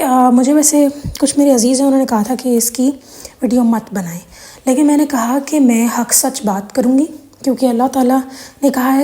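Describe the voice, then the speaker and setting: A woman's voice: high-pitched, dark tone. A woman whose first language is Urdu, talking earnestly to her viewers about correct prayer recitation, explaining with examples and slipping in English phrases. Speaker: religious video host. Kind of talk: casual religious talk to viewers.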